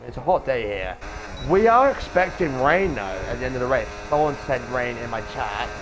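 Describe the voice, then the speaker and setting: A man doing live motor racing commentary as an informal race caller, chatty between moments of action and rising excitedly with it. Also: medium pitch, normal speed, over music. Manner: informal, chatty streamer-like asides. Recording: noisy audio with vehicle sounds.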